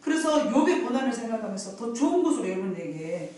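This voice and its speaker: A woman's voice: fairly high pitch, sing-song, fast, darkish tone. A middle-aged woman pastor preaching a live Sunday sermon in an emphatic, folksy storytelling way, drawing responses from the congregation. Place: church sanctuary during worship. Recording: very echoey church hall, distant mic, faint noise.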